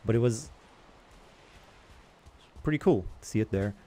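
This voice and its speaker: A man's voice: lowish voice, measured pace, mellow. A young man hosting a gaming channel, rambling in casual chatter as he plays and comments on other games.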